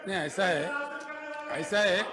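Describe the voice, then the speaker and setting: A man replying for the government in an assembly debate, defensive and pleading for quiet while he is interrupted. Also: sits high, unhurried, crowd noise. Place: legislative assembly hall. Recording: long reverb of an assembly hall.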